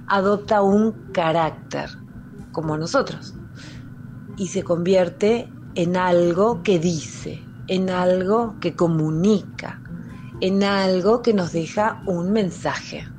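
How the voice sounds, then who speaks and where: A woman with an Argentine accent, a music teacher giving a patient, step-by-step explanation on school radio, often pausing with fillers. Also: on the low side, darkish tone, slight background noise.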